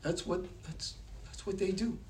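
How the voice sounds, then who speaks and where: A man teaching a Bible study group in a casual way, reading verses aloud and acting out a story with lively voices. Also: high voice, moderate pace, echoey room, distant mic. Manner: animated, acts out quoted voices in a story.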